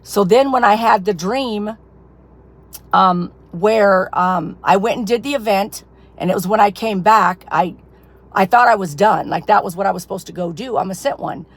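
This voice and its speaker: A ministry leader, a woman who is losing her voice, tells her followers a rambling personal testimony straight to camera. Her voice sits in the mid range and her pace is moderate. The casual storytelling is packed with fillers.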